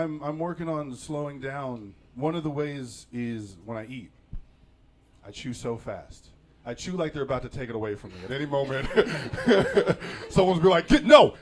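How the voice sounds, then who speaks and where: A man telling a reflective personal story in a casual monologue, laughing at himself often and often restarting his sentences. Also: medium pitch. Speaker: podcast host.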